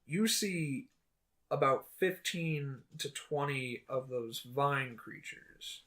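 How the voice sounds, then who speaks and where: A man running a tabletop game as dungeon master, describing the scene in a loose, rambling way. He fills his pauses with plenty of uh's and restarts, at a middling pitch. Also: fairly bright tone. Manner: loose, rambling, many fillers.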